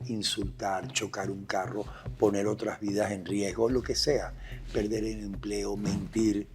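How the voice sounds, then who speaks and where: A man's voice: lowish voice, a little mellow. A man with a Venezuelan accent, a guest addiction expert speaking with passion and repeating phrases for emphasis. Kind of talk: emphatic testimony and explanation.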